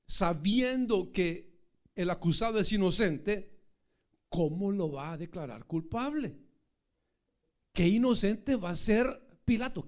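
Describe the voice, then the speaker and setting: A man preaching a sermon as pastor, animated and acting out scenes with sudden shouts. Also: high voice.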